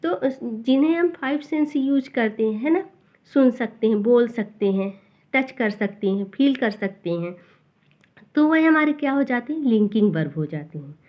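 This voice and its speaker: A woman's voice: a little high, lively intonation, moderate pace, dull audio. A woman teaching a grammar lesson to students, explaining step by step and asking and answering her own questions.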